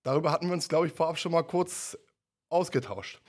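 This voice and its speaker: A man's voice: fairly high pitch, brisk. A man hosting an interview, speaking in a friendly way that rambles a little and often repeats words. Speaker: podcast host, interviewer. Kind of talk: conversational interview.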